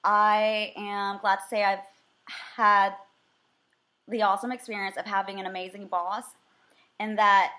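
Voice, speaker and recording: Playing the job candidate in a practice interview, this young American woman, raised with Vietnamese as her first language, sounds keen and earnest while dropping in frequent fillers. Her voice sits in the mid-range with a fairly bright tone.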